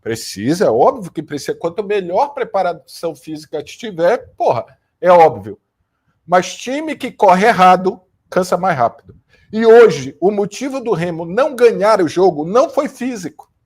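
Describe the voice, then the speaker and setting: Emphatic high-voiced Brazilian football ranter. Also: male voice, sing-song, normal speed, slightly rough. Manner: emphatic, repetitive, blunt with mild swearing. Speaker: football commentator, channel host. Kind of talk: post-match opinion rant. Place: home room with a fan running, new studio being set up.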